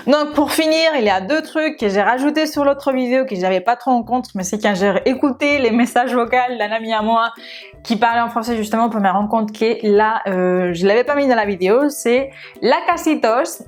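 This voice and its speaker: A young Spanish woman speaking French with a Spanish accent, chatting casually to camera in her vlog with many fillers. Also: on the high side. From Spain. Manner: chatty, many fillers and restarts, laughs often. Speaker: makeup YouTuber.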